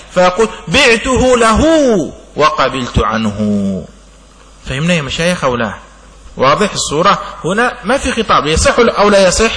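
Male sheikh lecturer, bright higher voice, long hall echo, slow reading then explaining. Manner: reads the text slowly, then explains with examples and asks "clear?". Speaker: sheikh teaching Islamic jurisprudence. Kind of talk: classroom lecture on a legal text.

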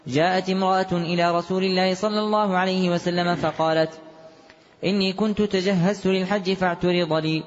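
A man reading a classical text aloud as a student, in a rapid, even recitation with occasional chanted tones. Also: sits high. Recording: dull lo-fi recording in a long-reverb hall.

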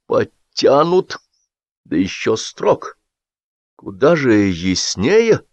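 A man's voice: mid-range voice, big pitch swings, a little slow, dry recording, pitched above the performer's own voice. Brief: an anxious, fawning male office deputy, read by a man, dull lo-fi audiobook sound. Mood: nervous. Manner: fawning, nervous.

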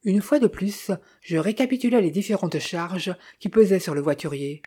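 Mellow, husky woman narrating a novel. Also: on the low side, lively intonation. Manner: measured literary reading. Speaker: audiobook narrator. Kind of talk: scripted narration.

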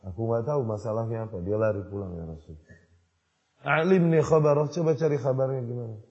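A man preaching a sermon in storytelling mode, acting out the dialogue and rising to loud emphasis. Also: medium pitch, fairly quick, slightly rough. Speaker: Islamic preacher. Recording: dull lo-fi recording in a reverberant hall.

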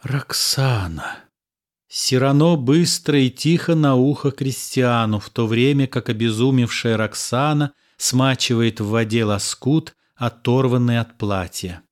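A man reads out the stage directions of a play in an even, measured voice. His pace is slow and deliberate, with a middle pitch. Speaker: narrator.

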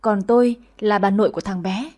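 A woman's voice: mid-range voice, fairly quick, natural voice. A woman doing a kindly old grandmother. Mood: welcoming. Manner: warm, reassuring. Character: kindly grandmother, welcoming hostess.

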